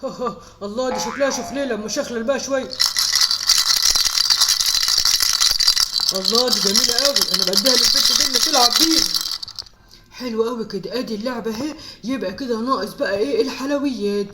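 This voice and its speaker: A woman voicing a fast-talking Egyptian dad. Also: a little high, heavy background noise, natural voice. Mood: curious. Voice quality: rapid-fire chatter. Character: busy hardworking father, pious and impatient. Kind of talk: dubbed family skit.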